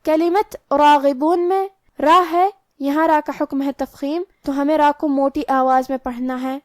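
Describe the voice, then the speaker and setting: Female recitation teacher, high voice, dry close recording, measured and methodical. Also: fairly even intonation, no room sound. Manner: measured, step-by-step instructional delivery. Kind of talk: tajweed lesson explaining pronunciation rules.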